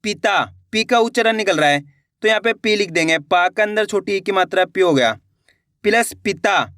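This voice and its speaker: A man with a high voice teaches Hindi reading in an online lesson. He sounds out each syllable slowly and patiently, repeating words and quizzing the listener. The recording is dry and close, with no room sound. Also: fairly bright tone, no echo. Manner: patient, repeats words and asks questions back.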